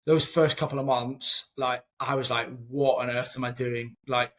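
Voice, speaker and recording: A Scottish company founder in his thirties is interviewed over a video call from a small home room. His mid-range voice is flat and a bit bright at a moderate pace, and he talks earnestly, often repeating words as he thinks.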